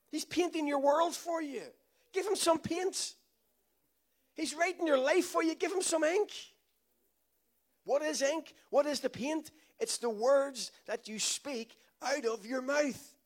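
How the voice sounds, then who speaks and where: A man preaching a sermon with emphatic, repetitive phrasing and calls to the congregation. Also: very high-pitched. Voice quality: emphatic preaching with repeated phrases and call-and-response. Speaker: pastor.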